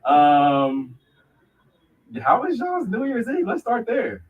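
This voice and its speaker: A man's voice: very high-pitched, huge pitch swings, slow pace. A man hosting a sports and pop culture show in a casual, informal way, often repeating his phrases. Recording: muffled, slightly distant, faint noise.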